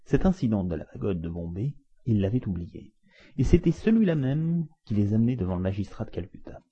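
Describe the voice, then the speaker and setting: Expressive male storybook narrator. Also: lowish voice, fairly quick, breathy edge. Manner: expressive, dramatic reading. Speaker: audiobook narrator. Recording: dull lo-fi recording.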